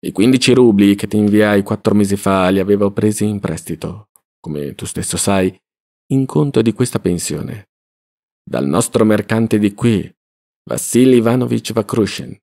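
Loving, anxious elderly mother as a male reader voices her, earnest, low tone. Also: normal speed, a little mellow, natural voice. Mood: tender. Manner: tender, earnest letter-reading. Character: loving worried elderly mother writing a letter.

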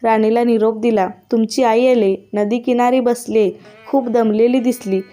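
A woman's voice: a little high, steady tone, unhurried, dark tone, soft background music. Woman telling a devotional tale. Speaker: storyteller. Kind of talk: scripted narration of a devotional tale.

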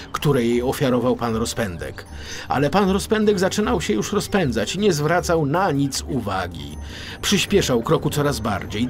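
This children's audiobook is read by a man with a mid-range voice, who tells the story in a scripted, expressive way.

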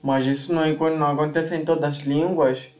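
A man's voice: on the high side, fairly even intonation, a little fast, a little mellow, recorded from a distance. A Mozambican-accented man hosting a casual reaction chat, talking and asking questions. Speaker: reaction video host. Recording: roomy, off-mic sound.

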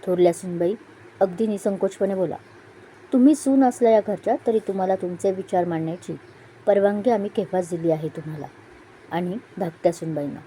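A commanding old patriarch nearing a hundred gives stern orders to his family, as a woman storyteller reads him. The voice is dark and mellow, with a faint hiss underneath. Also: mid-range voice, brisk, natural voice, poor audio. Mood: calm.

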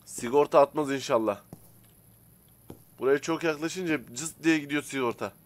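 A man casually commenting as he plays a simulator game, chatting to viewers and to the characters, and bursting out loudly when annoyed. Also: a little high, normal speed. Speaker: gaming streamer. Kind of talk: casual let's-play commentary.

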